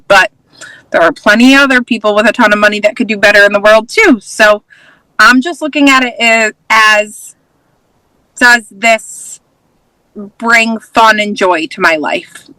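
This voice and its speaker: A woman's voice: mid-range voice, no room sound, rough recording. A woman from Massachusetts, a mom and preschool teacher, talking relaxedly as an interview guest and using many "like"s. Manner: relaxed, laughs often, many "like"s. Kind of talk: casual interview.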